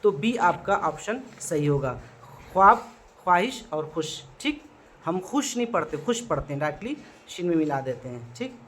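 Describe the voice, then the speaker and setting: A man's voice: fairly high pitch, sing-song, normal speed, a bit bright, a little hiss or hum. A male teacher going through exam multiple-choice grammar questions, asking questions and answering them himself, checking in with the class often. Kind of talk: exam prep grammar lesson.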